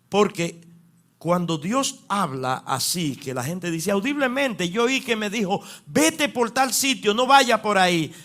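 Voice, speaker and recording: Man, pastor, sermon, slow delivery, bright voice, calls out to the congregation. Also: fairly high pitch. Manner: preaching with questions to the congregation, loud swings in emphasis.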